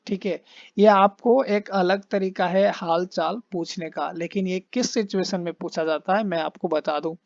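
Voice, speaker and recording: Male tutor, casual explainer who drills phrases slowly, lo-fi close sound. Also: high voice, steady tone, creaky, dry recording. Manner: explains slowly, models English phrases with exaggerated intonation. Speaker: English teacher. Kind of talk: casual spoken English lesson in Hindi.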